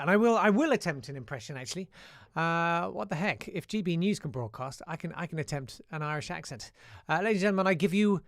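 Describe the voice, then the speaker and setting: A man's voice: fairly high pitch, dry recording, clean studio sound. A man hosting a live show in a casual, wry way, reading out listener messages with frequent hesitations. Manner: chatty, wry, many "uh" hesitations. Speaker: radio-style show host.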